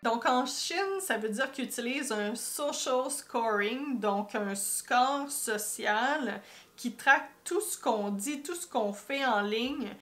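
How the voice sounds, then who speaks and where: Speaking slowly with faint music behind her, this Québécois-accented YouTuber and marketing commentator from Quebec has a rather high, bright voice. She addresses viewers directly in a relaxed, explanatory way and fixes her own wording mid-sentence.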